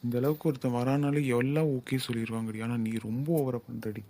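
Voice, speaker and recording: A man's voice: mid-range voice, fairly even intonation, brisk, dark tone, a little hiss or hum, natural voice. A young man acting a lovesick, possessive suitor who pleads and then insists in an audio drama. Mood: pleading. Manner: insistent, swings from pleading to commanding.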